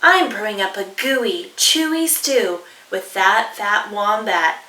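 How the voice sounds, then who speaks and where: A woman's voice: medium pitch, slow pace, bright, forceful tone. A woman voicing a clever, boastful male dingo from a storybook, gleeful and singsong, cooking up a stew. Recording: roomy echo, distant mic.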